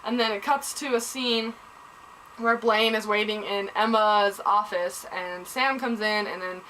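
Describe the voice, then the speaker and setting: A young woman excitedly recapping a TV episode in casual chat, gushing and saying "like" and "oh my god" a lot. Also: mid-range voice, a little slow, slight background noise, rough recording.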